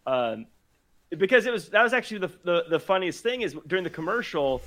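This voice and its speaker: A man from Tacoma co-hosting a casual wrestling chat, animated and quick to laugh. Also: sits high. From Tacoma, Washington. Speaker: podcast co-host.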